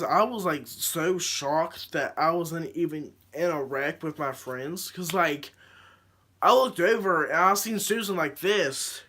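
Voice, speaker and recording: A teenage guy telling a story in a casual vlog, rambling and excitable, with lots of fillers and restarts. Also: a little high. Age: teens. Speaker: vlogger. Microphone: phone camera.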